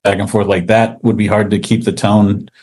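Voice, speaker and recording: A man with a fairly low, darkish, slightly rough voice talks at a moderate pace in a level tone. He's a comic book writer being interviewed, chatting casually and rambling with lots of "like" and "you know," in a wry, self-deprecating way.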